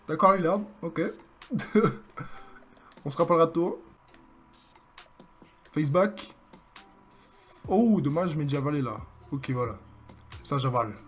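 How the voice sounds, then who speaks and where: Excitable young French gaming streamer. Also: male voice, a little high, takes it slowly, pauses often, husky, soft background music. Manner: excitable, joking, hyping his own plays. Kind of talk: live gameplay commentary.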